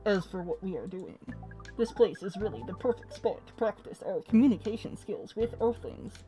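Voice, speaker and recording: A woman voicing a calm, formal alien visitor whose voice sounds muffled, as if inside a spacesuit helmet. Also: mid-range voice, over music. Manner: formal, measured, speaks as "we". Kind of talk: voicing a game character on stream.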